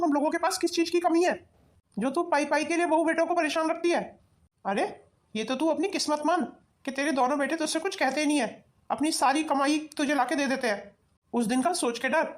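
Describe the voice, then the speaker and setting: A woman's voice: high voice, natural voice. A woman voicing a fair-minded older father-in-law in a cartoon, lecturing his wife. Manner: reproachful, lecturing. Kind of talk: cartoon voice acting.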